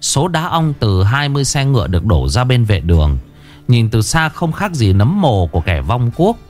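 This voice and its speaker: A man narrating a historical folk tale in a steady, expressive storytelling voice. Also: mid-range voice, normal speed, faint music behind.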